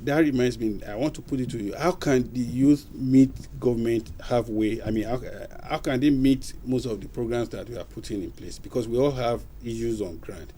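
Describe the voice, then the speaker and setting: A man hosting a call-in TV talk show, brisk and quick to prompt. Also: medium pitch, mellow, a little hiss or hum.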